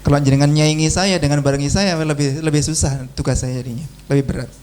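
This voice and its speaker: A man teaching Quran recitation in a mosque class, drilling syllables slowly and reciting aloud. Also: a little high, fairly even intonation, darkish tone. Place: mosque by a busy road. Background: faint traffic hum.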